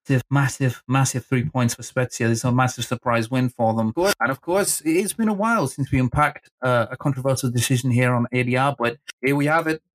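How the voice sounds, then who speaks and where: A man hosting a football podcast, talking in a chatty, enthusiastic way with frequent restarts. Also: medium pitch. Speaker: podcast host. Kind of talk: casual football podcast talk.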